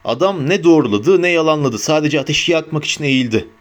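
A man narrating an audiobook in a measured, steady storytelling manner. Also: fairly high pitch.

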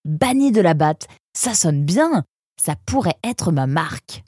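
A woman's voice: on the low side, measured pace, breathy edge, no room sound, clean studio sound, full character voice. A woman voicing an eager young male creature who stammers with many hesitations, in a storybook reading. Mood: eager stammering. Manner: stammering with many "euh", excitable.

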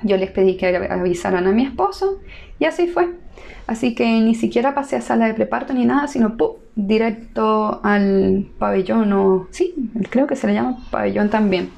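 A woman tells a personal story in a relaxed, chatty way, laughing as she goes. Her voice sits a little high and has a gravelly, fry-tinged texture. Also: moderate pace. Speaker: new mother telling her birth story. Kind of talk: casual storytelling to camera.

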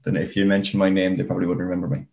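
A man's voice: deep voice, little pitch movement, very fast, creaky, darkish tone, highs cut off. A man with an Irish accent talking casually as a guest in an interview. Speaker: podcast guest, para rower. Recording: roomy, echoing sound.

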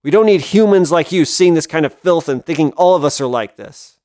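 A man's voice: a little high, moderate pace, no room sound, clean studio sound, pitched above the performer's own voice, lightly acted. A man voicing a hostile young male street tough in an audiobook, speaking with sneering contempt through clenched teeth. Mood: contemptuous. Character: young angry male stone creature, bigoted and hostile. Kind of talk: audiobook character voice.

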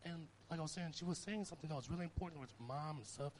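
A man's voice: fairly high pitch, rapid-fire, slight background noise. A young man giving an informal sermon, talking conversationally and telling stories with rising emphasis. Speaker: preacher.

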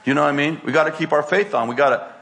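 A man's voice: fairly high pitch, rapid-fire, creaky, a bit bright. An older man preaching, telling a story with laughter and acted-out quotes. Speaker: pastor. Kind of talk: sermon storytelling.

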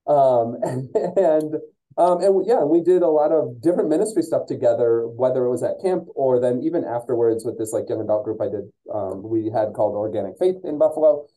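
A hollow, tunnel-like call recording carries the voice of an American man. He hosts a podcast casually, with a friendly and effusive conversational manner. His pitch sits in the middle of the male range. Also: a little fast, mellow, rough recording. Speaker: podcast host. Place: remote video call.

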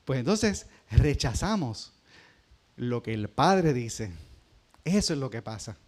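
A man from Puerto Rico, with a Puerto Rican Spanish accent, preaches as pastor, questioning his congregation in a conversational manner. He talks slowly at a medium pitch, his slightly mellow voice rising and falling widely.

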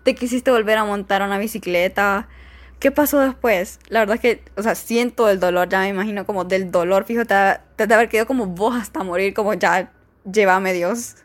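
A young woman, reading out viewer stories and reacting in a chatty, expressive way. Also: mid-range voice, fairly quick. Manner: chatty and expressive, lots of fillers and exclamations. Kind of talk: casual chat.

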